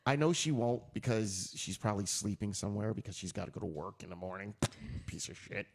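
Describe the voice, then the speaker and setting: Male talk host, gravelly and animated, loud laugher, casual chat. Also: lowish voice, fairly quick. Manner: animated, repeats himself, laughs loudly.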